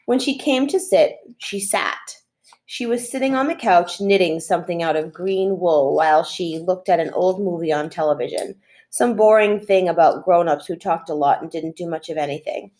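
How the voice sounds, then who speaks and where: Recorded on a computer mic at her desk at home, framed as if by webcam, a middle-aged woman reads from a children's chapter book in a teacherly manner. She speaks with a fairly low, darkish voice.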